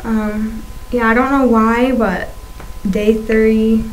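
A young woman gives a casual vlog update in an unhurried way. Her words come out lisped and thick, as she works around a fresh tongue piercing. The webcam recording in a small room carries some background noise. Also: on the high side, level tone, low-quality recording. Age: young adult. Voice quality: lisping, thick-tongued speech from a swollen, newly pierced tongue. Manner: halting, labored articulation. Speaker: video blogger. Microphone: webcam at arm's length. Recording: faint-to-clear noise on webcam audio.

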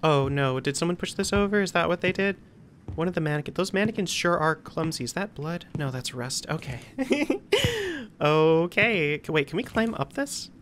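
A woman's voice: deep voice, expressive, moderate pace, a little hiss or hum. A woman streaming a horror game, chatting and joking playfully to herself as she plays. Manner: playful, jokey, talks to herself while playing. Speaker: gameplay streamer.

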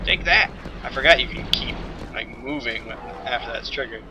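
A young man giving excitable gameplay commentary as a let's play host, exclaiming and laughing often. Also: medium pitch, brisk, gravelly, background noise.

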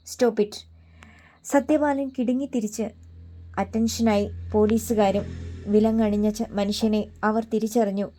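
A woman's voice: medium pitch, warm tone. A woman reading a dramatic story aloud as an audiobook narrator, voicing the characters' lines in her own voice.

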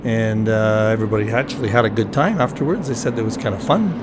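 An older man hosting a casual sim racing replay, talking in a relaxed, rambling way with many fillers, his voice cracking and often clearing his throat. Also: lowish voice, fast talker, background noise. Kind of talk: casual race replay commentary.

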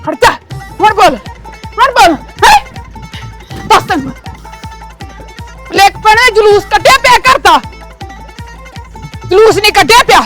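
A woman's voice: extremely high pitch, lively intonation, unhurried, long pauses, loud music behind the voice. An actress playing a fed-up village wife in a comedy web series, nagging and scolding her drunk husband. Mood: furious.

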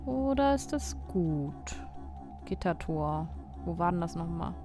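A woman's voice: lowish voice, lively intonation, slow pace, music in the background. A woman let's player giving casual commentary, thinking aloud as she plays. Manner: thinks aloud, reads item names out.

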